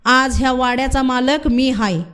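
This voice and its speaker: A woman's voice: sits high, steady tone, normal speed, a bit bright, smooth. A woman voicing a bold, defiant rebel leader man who gives orders in rustic village speech.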